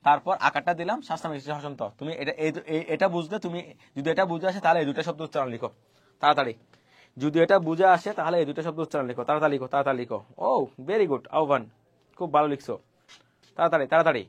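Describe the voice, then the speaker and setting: A man's voice: a little high, racing, no echo. A man teaching pronunciation rules, repeating each point and quizzing his students. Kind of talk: fast spoken online lesson on pronunciation rules.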